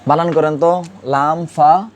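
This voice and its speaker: A man's voice: on the high side, steady tone, measured pace, slight background noise. Man quizzing a class on grammar. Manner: quizzing students with repeated questions. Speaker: Urdu grammar teacher. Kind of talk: classroom lesson.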